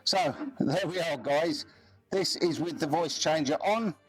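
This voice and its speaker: A man's voice: on the high side, unhurried, faint music behind. A man reviewing a collectible helmet, talking from inside it with a voice changer that adds distortion. He is hesitant and often repeats words. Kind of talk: casual product review. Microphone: speaking from inside a helmet.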